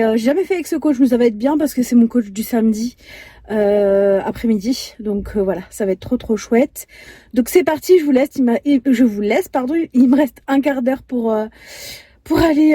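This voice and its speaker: High-voiced woman chatting in a vlog. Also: dark tone. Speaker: vlogger. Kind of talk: casual vlog chat to camera.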